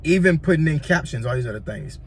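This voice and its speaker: Talking quickly in an animated voice on the high side with vocal fry, this Southern-accented YouTuber from Virginia, USA, rambles through casual tutorial tips. He repeats himself a lot and keeps asking "you know what I'm saying." There's slight background noise.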